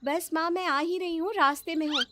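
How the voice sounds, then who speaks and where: A woman voicing a sweet, spirited young woman in an animated story, talking brightly and expressively. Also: very high voice, fairly quick, noisy background, pitched above the performer's own voice. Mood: chatty. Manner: bright, expressive, wails when in pain. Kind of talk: storybook cartoon voice acting.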